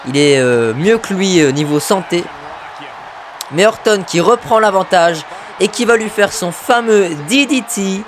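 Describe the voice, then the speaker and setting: A man giving excited play-by-play commentary on his own wrestling video game match, bursting into shouts at big moves and muttering asides to himself. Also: sits high, a little slow, slight background noise.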